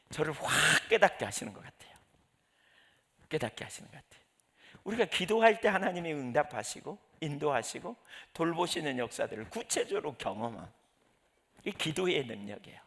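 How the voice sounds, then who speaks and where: A man's voice: fairly high pitch, a bit bright. A middle-aged male pastor giving a conversational sermon, telling personal stories and acting out his own prayers.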